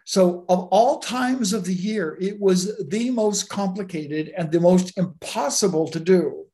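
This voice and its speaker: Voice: mid-range voice, measured pace. Chatty preacher type walking thru scripture, laid back, tells lots of little stories. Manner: relaxed, anecdotal, with many asides. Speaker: Bible teacher. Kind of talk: conversational sermon.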